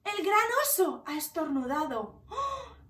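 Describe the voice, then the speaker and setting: A woman with a Spanish accent reading a rhyming picture book aloud to children in a sing-song, expressive way. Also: high-pitched, takes it slowly. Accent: Spanish (Spain). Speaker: storyteller. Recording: echoey room, voice from a distance.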